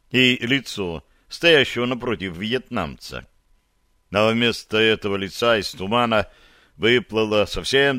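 A man reading a novel aloud in steady, measured audiobook narration. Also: lowish voice, no echo, studio quality.

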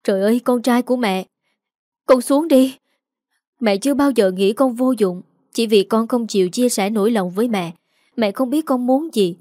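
A woman's voice: a little high, normal speed, warm tone, no room sound, studio quality, natural voice. A woman voicing a distraught middle-aged mother who pleads emotionally with her son. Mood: pleading.

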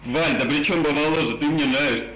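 Speaking fast in a slightly high voice, a prank caller insistently coaxes and repeats himself during a casual phone chat. His r sounds are burred and unclear, and the call is echoey with faint noise.

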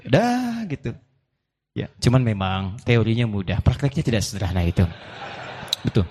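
A man preaching a sermon to a live audience, playful and animated, acting out little dialogues and reciting Quranic verses. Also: mid-range voice, moderate pace, long reverb tail, a little hiss or hum.

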